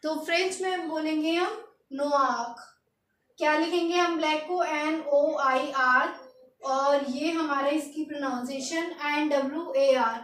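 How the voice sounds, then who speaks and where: High-voiced woman teaching French basics. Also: steady tone, a little slow, fairly bright tone. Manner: spells words letter by letter and has students repeat. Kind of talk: lesson for beginners. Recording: echoey room.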